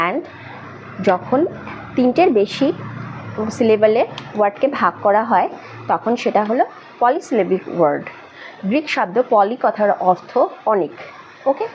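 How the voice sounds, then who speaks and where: A woman teaching a lesson to children, mixing English terms into her talk and often asking if they follow, dictating definitions slowly. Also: mid-range voice, darkish tone, lo-fi sound, a little hiss or hum. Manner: mixes English terms into Bengali, checks in with "okay?"; slow, dictating pace for definitions.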